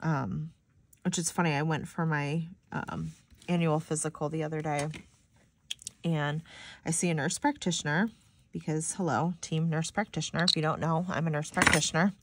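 Decorating a planner on camera, a young Michigan vlogger talks to her viewers at a moderate pace in a low-pitched, steady voice that sounds a little stuffy and nasal. There's slight background noise, and her chat wanders along with many "like"s.

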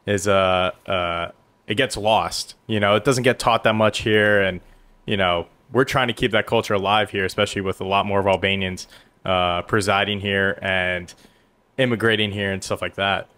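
A man's voice: on the low side, fairly even intonation, normal speed, sharp tone, no echo. A young man co-hosting a podcast in casual, enthusiastic and rambling chat, at a studio mic. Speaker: podcast co-host. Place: small studio. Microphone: headset and studio mic.

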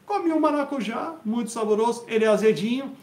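A man's voice: extremely high pitch, expressive, fast, a little mellow. A man in his fifties with a Brazilian accent, explaining things informally and didactically as he answers questions. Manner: didactic, repetitive, with check-in tags. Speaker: health educator hosting a live Q&A. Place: small home study with bookshelves, indoors. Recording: echoey room.

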